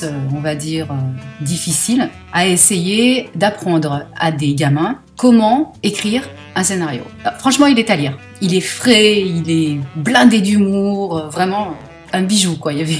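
A woman talking casually about books she has read, chatty and slangy, swearing freely. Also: fairly low pitch. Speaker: book vlogger. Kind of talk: casual book review and reading aloud.

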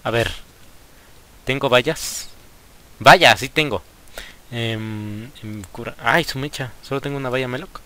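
A man's voice: mid-range voice, a little slow, pauses often. A young man with a Mexican accent giving casual let's play commentary, talking to his viewers and exclaiming at the game. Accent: Mexican Spanish. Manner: excitable, frequent exclamations at the game. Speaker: gaming youtuber.

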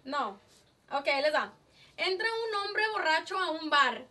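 A woman's voice: high voice, animated, unhurried, sharp tone, far from the mic. A woman hosting a casual live show, chatting in a mix of Spanish and English and laughing at her own jokes. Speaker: show host. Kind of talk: casual live show chat and joke telling.

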